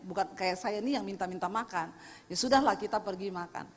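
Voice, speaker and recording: A woman pastor preaching a lively sermon, telling stories and teasing her congregation. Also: mid-range voice, brisk. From Indonesia. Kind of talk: sermon with storytelling. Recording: long hall reverb.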